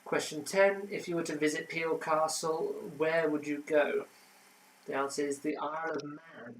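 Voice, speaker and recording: A man's voice: fairly high pitch, little pitch movement, normal speed, a little hiss or hum, low-quality recording. A man hosting a casual home quiz, reading answers and adding trivia with frequent fillers. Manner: chatty, reads answers then adds trivia with many fillers. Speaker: quiz host.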